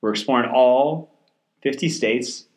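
A man's voice: medium pitch, unhurried, echoey room. A man co-hosting a travel podcast, chatting casually and joking with his co-host in a coworking space.

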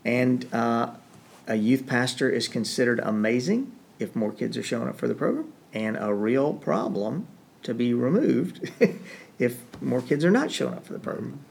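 A man's voice: mid-range voice, lively intonation, normal speed, creaky, a little mellow, slightly rough. A man answering interview questions, thoughtfully explaining his ideas aloud. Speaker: interview guest, youth ministry author.

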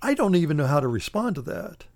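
A man voicing a gentle, curious little inner voice that asks probing questions. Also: a little high, big pitch swings, quick pace, vocal fry, voice pushed up, full character voice.

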